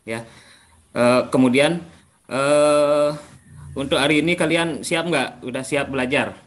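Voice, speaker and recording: A man's voice: medium pitch, a little slow. A young man with an Indonesian accent teaching a class in an upbeat, coaxing way, often checking in with the pupils.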